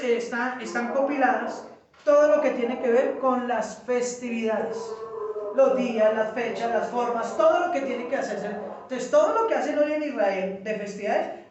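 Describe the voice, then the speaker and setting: A man teaching a small group in a relaxed way, explaining step by step and checking in with his listeners. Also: very high voice, background noise. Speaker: Bible study teacher. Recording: echoey room, mic far off.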